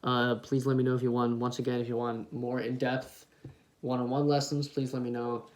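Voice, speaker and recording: A man teaching beatboxing in a relaxed, casual way, speaking into a headset mic. He breaks each sound down step by step and demonstrates it himself. His voice sits at an ordinary middle pitch. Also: normal speed. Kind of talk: casual tutorial.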